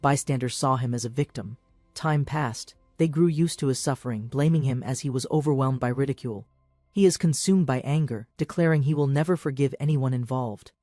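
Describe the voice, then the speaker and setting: A man narrating a story recap in an even, summarizing scripted style. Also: mid-range voice, no room sound. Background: faint background music.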